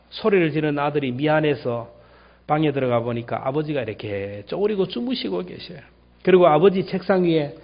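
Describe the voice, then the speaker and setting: High-pitched guy pastor preaching, repeats words for emphasis, loud then quiet, muffled recording. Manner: emphatic, repeats key words, swings between loud and hushed. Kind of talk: sermon. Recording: dull lo-fi church recording.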